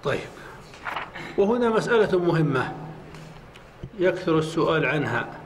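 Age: adult. Sex: man. Style: measured mosque lecture, slightly high voice, long hall reverb. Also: very animated, a little hiss or hum. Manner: measured, repeats examples slowly and deliberately. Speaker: sheikh teaching a lesson. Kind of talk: classroom lecture.

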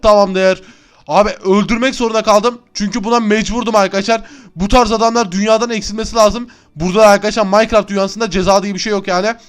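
Excitable young man playing a game. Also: high voice. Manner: excitable, chatty, often yells and laughs. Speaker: gaming YouTuber. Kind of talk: Minecraft let's-play commentary.

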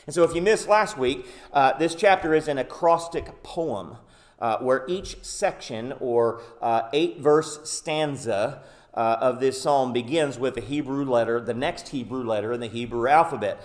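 A man who is a pastor, preaching an earnest, emphatic sermon in a church and often filling pauses with "uh" and "um". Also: mid-range voice. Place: church sanctuary.

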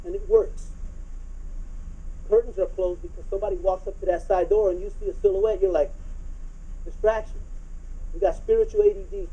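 A middle-aged man preaching a sermon in a conversational but hyped, restless, over-caffeinated way, with a husky voice and phrases repeated for emphasis. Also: sits high, fairly even intonation, moderate pace, long pauses, dull audio. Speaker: pastor preaching. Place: church auditorium, speaking from the stage to a congregation.

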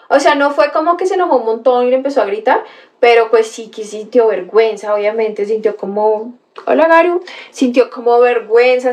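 A woman's voice: fairly high pitch, a little mellow. A young woman chatting on a livestream, telling a story with gasps and exclamations and greeting viewers by name. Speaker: livestream host reading chat. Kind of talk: casual livestream chat.

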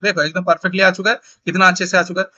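A young man from India walks through a software tutorial in a loose, thinking-aloud way, often stopping to correct himself. His voice is fairly high and bright. The recording is dull and lo-fi. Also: level tone, fast. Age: young adult. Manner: thinks aloud, self-correcting, casual instructions. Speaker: CAD tutorial instructor.

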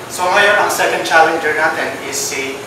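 A man's voice: a little high, moderate pace. Filipino guy hosting a casual vlog, bit far from the camera mic, echoey ship rooms. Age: 20s. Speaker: vlog host. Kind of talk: casual challenge vlog presenting. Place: ship cabins and corridors. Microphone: camera a few feet away. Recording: echoey, distant camera mic, background noise.

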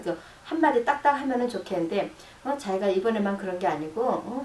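A middle-aged woman psychologist explaining advice in a radio-style talk, acting out sample lines of dialogue in a softer, lower voice. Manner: explanatory, acts out sample dialogue in a soft low voice. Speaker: counseling psychologist giving advice. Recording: roomy, distant, faint noise.

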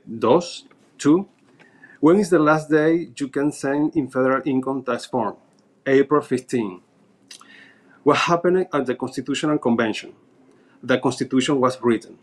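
A man from Venezuela, recounting events step by step in casual conversation. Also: mid-range voice. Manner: recounts events step by step, reading notes aloud. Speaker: interview guest. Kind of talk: casual storytelling.

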